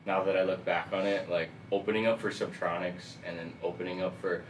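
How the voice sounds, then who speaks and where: A man's voice: deep voice, steady tone, brisk. A man who is a DJ talking about his year as a guest on a podcast, in a laid-back, casual way full of slang. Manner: laid-back, loose slang-filled talk. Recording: roomy, distant mic, faint noise.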